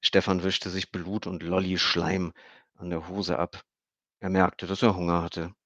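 A man reading an audiobook in a calm, wry narrating voice. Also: low voice, unhurried, no echo, highs cut off. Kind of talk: scripted narration.

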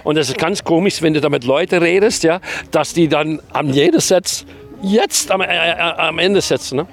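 A man's voice: on the high side, moderate pace, soft background music. A man from the Netherlands with a Dutch accent, chatting outdoors at a festival and telling a story, often ending sentences with a tag question. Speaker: longtime festival regular. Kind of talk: casual storytelling interview.

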